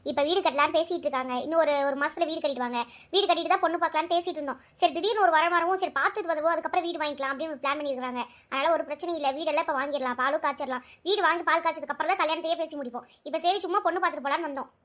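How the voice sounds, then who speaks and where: A woman voicing a bustling mother of the bride in a cartoon, chattering in a hospitable, rapid way. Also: high-pitched, fairly bright tone. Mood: fussing. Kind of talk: cartoon voice acting.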